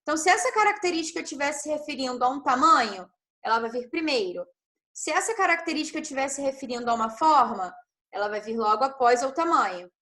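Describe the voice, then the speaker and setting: High-voiced woman teaching online. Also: lively intonation, fast talker, sharp tone. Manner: explains step by step, checks in with frequent tag questions. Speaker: English teacher. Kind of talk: online class lecture.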